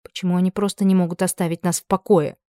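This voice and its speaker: A woman's voice: lowish voice, flat delivery, fast, warm tone, smooth, no echo, studio quality, close to an everyday voice. A woman reading the part of a young noble duchess who is anxious and stubborn, with a breathless, emotional delivery.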